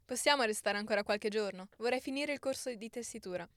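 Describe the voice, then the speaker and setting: A patient ancient queen speaks softly and with care, as a woman reads her. Her voice is fairly high and the recording is dry and close. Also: fast, no echo, close to an everyday voice. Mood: gentle. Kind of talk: audiobook character reading.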